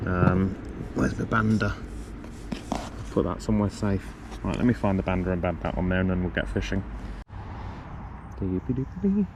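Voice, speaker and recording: A man's voice: deep voice, a little fast. A man vlogging outdoors by the water, casually talking through his fishing gear with lots of ums, and coughing now and then. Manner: relaxed, rambling, lots of ums and self-corrections. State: coughing a lot. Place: outdoors on a riverbank. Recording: outdoor recording with clear background noise.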